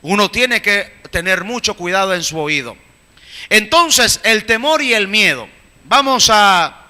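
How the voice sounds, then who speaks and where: A man preaching a sermon with emphatic delivery, rising to shouts at the peaks. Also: high voice. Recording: echoey hall.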